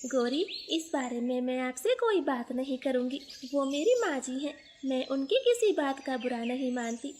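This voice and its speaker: A woman voicing a gentle, patient young wife bird in a cartoon, speaking softly and meekly. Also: sits high, expressive, normal speed, few pauses, slight background noise. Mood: kind. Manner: soft, patient, meek.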